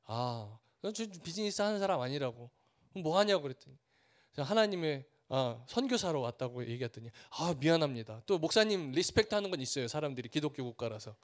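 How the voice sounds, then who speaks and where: A Korean man preaching as a missionary, his voice set high for a man. He speaks earnestly, builds through repeated phrases, and slips into the voices of the villagers in his stories. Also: big pitch swings, fairly quick. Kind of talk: sermon with storytelling.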